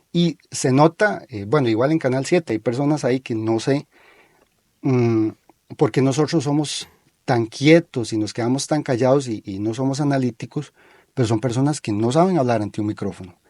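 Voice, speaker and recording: A man with a Costa Rican accent hosting a talk show, giving critical opinions in an analytical way and pausing often with fillers. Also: medium pitch, darkish tone, no echo. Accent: Costa Rican Spanish. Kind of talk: critical discussion.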